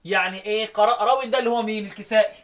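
A man with an Egyptian Arabic accent teaching Quran recitation rules, often questioning his students and chanting verses slowly. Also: high-pitched, steady tone, fairly bright tone. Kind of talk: explaining recitation rules in a lesson.

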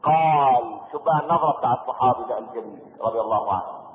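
A man with an Egyptian Arabic accent preaching a sermon, lively and joking, full of rhetorical questions to the audience. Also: mid-range voice, fast talker. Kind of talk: sermon with colloquial asides. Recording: echoey hall on a tinny lo-fi recording with faint noise.

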